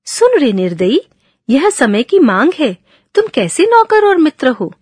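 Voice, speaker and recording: A woman's voice: high voice, very animated, a little slow, a little mellow, dry recording, pitched above the performer's own voice. A woman reading the lines of an indignant male donkey in a fable, scolding his friend in a raised voice. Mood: reproachful. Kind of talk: reading a storybook fable aloud.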